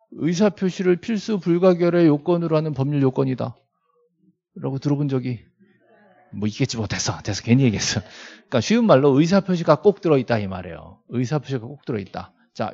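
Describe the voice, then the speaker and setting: A man's voice: medium pitch, creaky, darkish tone, slightly rough. A middle-aged man lecturing a class on law, asking rhetorical questions and repeating key terms, with joking asides to his students. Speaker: law lecturer at a real estate agent exam prep academy. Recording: dull lo-fi lecture recording.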